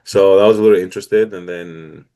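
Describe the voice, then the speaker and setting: Deep and dark in tone, this man talks briskly with fairly even intonation. A guest athlete in his twenties from Greece, he has a Greek accent and tells his story in an upbeat, earnest way during a casual interview.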